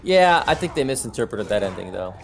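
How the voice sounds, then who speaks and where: With music playing behind him, a middle-aged livestream host responds to viewers' comments in a relaxed, opinionated way. His creaky, lowish voice swings widely in pitch and runs a little fast.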